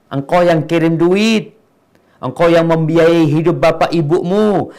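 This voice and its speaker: A middle-aged man delivering a sermon in a fairly high voice. He swings from hushed, low asides to raised, emphatic appeals, slipping into casual slang. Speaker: preacher.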